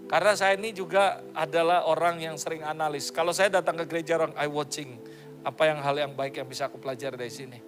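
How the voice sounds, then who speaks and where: Pastor guy preaching, kinda high voice, joking around, tosses in english bits. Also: steady tone, fast, a bit bright, soft background music. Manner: playful, jokey preaching with English phrases mixed in. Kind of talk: sermon.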